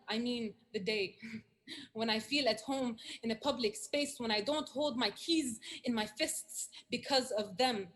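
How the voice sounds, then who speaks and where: A woman's voice: fairly high pitch, a bit bright. Earnest woman reading spoken word poetry. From Syria. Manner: earnest, measured, with dramatic repetition. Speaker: poet. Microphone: video call.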